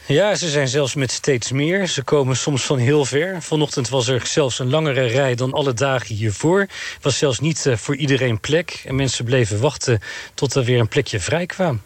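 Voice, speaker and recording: A male court reporter giving a live radio news report, retelling testimony in a measured way with frequent pauses and hesitations. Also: mid-range voice, no room sound.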